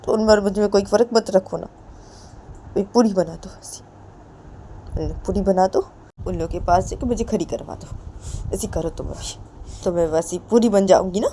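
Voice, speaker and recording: A woman voicing a hurt, bitter young woman who pleads and taunts with shrill, insistent questions. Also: brisk, pauses often, darkish tone, a little hiss or hum, natural voice. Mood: bitter taunting.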